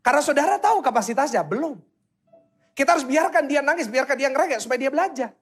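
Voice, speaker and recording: A man with a fairly high voice delivers a lively sermon in with a lilt. He preaches animatedly, firing questions at the congregation and briefly acting out voices to make his point. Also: quick pace. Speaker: pastor.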